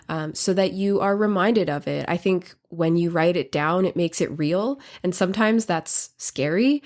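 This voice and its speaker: A woman's voice: fairly low pitch, a little mellow. A woman hosting her own podcast, talking earnestly and off the cuff while her voice is worn by illness. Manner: earnest, reflective, off the cuff with fillers. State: sick, voice affected by illness. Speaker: podcast host and composer. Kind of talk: casual solo podcast talk.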